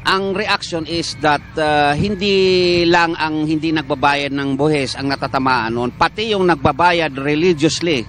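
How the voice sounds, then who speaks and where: A man with a Filipino accent, a doctor guest on a morning TV show, explaining in a measured way with many "ah" fillers. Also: a little high, a bit bright, soft background music. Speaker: doctor of a medical association, guest. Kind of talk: morning TV interview.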